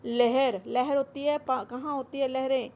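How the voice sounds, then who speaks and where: A woman speaks in a high, steady, slightly mellow voice while working through a school Hindi grammar worksheet. Word by word, she repeats slowly and then drills the right form, blending in some English.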